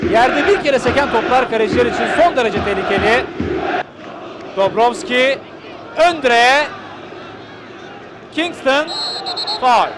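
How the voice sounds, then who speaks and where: A man giving live football play-by-play in clipped phrases, calling out players' names and shouting excitedly at chances. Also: very high-pitched, slow, long pauses. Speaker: football commentator. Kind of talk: live play-by-play match commentary. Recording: loud crowd and noise behind. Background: stadium crowd.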